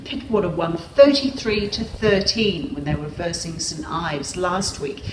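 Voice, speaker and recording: A woman's voice: lowish voice, unhurried, close to an everyday voice. A woman playing a formal, upbeat parody TV news anchor in a mock newscast. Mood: formal, presenting. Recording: roomy echo, clear background noise.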